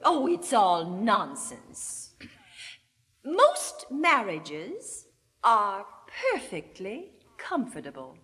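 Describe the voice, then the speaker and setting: A woman's voice: mid-range voice, huge pitch swings, drawn-out words, pushed and bright, full character voice. An actress playing Dona Ana, a proud, indignant, respectable noblewoman, in a 1950s theatrical reading with a haughty, emphatic delivery. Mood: dismissive. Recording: reverberant 1950s hall recording.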